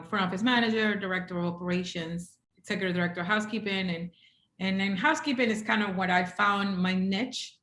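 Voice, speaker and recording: Her voice is medium-pitched and a bit bright as this podcast guest, a hotel housekeeping director, animatedly tells her story in conversation. She's from Ecuador, a native Spanish speaker with an Ecuadorian accent, and the recording has a roomy, echoey sound.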